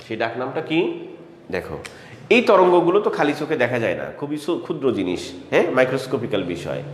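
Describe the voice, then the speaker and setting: A male teacher giving an exam-prep lecture in a classroom. He talks fast with a lively, rising and falling pitch, asking questions and answering them himself. The voice echoes through a roomy hall over a faint hum of ambience. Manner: addresses students by name, repeats key terms.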